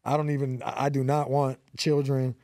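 Mellow-voiced young male rapper. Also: medium pitch, level tone, moderate pace, dry recording, studio quality. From Los Angeles. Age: 20s. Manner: slangy, repeats fillers, earnest. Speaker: rapper guest. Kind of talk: casual interview.

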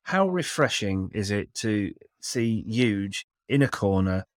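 A man in his thirties with a fairly low voice, recorded dry and close to the room-free end. He hosts a casual sports podcast, teasing and swearing freely while keeping things fairly quiet. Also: expressive, takes it slowly, dry recording. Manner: speaks quietly at home late at night. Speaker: podcast host.

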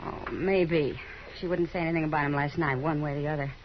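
A woman's voice: sits low, steady tone, quick pace, close to an everyday voice. Actress as Kitty, frank frontier woman, muffled sound. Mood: worried, insistent. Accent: American. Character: worldly, worried, frank frontier saloon woman. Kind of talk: 1950s radio drama acting. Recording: muffled, hissy 1950s radio recording.

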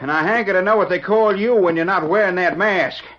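An actor playing a hot-headed, plain-spoken frontier wagon guide with a folksy, blustering American Western drawl in a radio drama. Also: male voice, high-pitched, brisk, fairly bright tone. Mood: angry. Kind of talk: old-time Western radio drama acting. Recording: dull, band-limited old radio recording.

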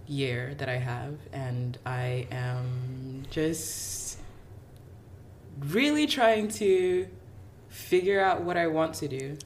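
A woman's voice: a bass voice, drawn-out words. A young woman speaking casually as a podcast guest. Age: young adult. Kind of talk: casual conversation. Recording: clear background noise.

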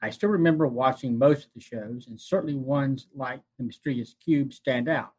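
Slightly husky man, halting narration. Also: medium pitch, darkish tone. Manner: halting, often repeats phrases. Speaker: host. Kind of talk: semi-scripted narration of TV show retrospective.

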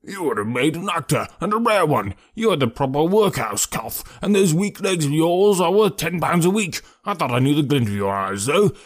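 A man's voice: fairly high pitch, very animated, moderate pace, hardly any pauses, voice pushed up. A man voicing a blustering, self-satisfied male police inspector in an audiobook reading. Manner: hearty, pompous, exclaiming.

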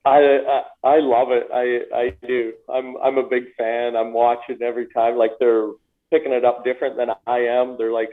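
Male guest, former player and coach, tinny phone-line sound, relaxed and laughing. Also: mid-range voice, moderate pace. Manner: laughs often, repeats words, relaxed storytelling. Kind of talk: casual interview over a call.

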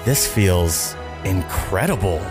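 Stressed-out young editor guy, played by a man; jumpy, yelping, very lively pitch. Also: slow pace, over music. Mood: bewildered. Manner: yelping, excitable outbursts. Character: frazzled young male video editor, panicky.

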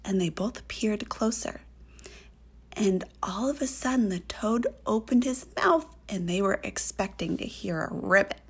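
A woman softly whispering a children's story in a breathy, gentle, slow way. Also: mid-range voice, lively intonation. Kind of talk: whispered bedtime story narration.

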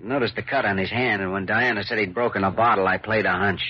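An actor playing a quick-witted, dry, unflappable hospital doctor in a 1940s radio drama. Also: male voice, lowish voice, steady tone, slightly rough. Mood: dry, easy. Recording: muffled, hissy old radio recording.

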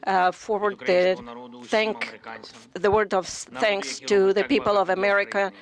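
A woman giving a live interpreted translation voice-over, halting, with pauses and restarts. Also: mid-range voice, fairly even intonation, vocal fry.

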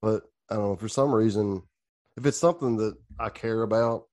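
A podcast co-host who speaks with a slight stutter in casual chat. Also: male voice, fairly low pitch, brisk, a little mellow.

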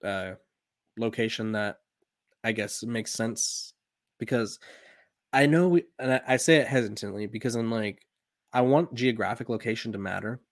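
A man's voice: lowish voice, moderate pace, pauses often, dry recording, clean studio sound. A young man in his twenties hosting a sports podcast, talking casually with lots of fillers and restarts. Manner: rambling, filler-heavy, many "um"s and restarts. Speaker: podcast host.

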